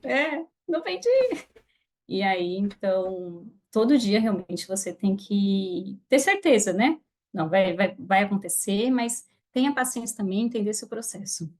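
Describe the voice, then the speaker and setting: Speaking a little slowly with lively intonation and a medium-pitched voice, a Brazilian Portuguese-accented woman guests on a casual podcast interview as an affiliate marketer. She comes across as earnest and reflective, with hesitant restarts.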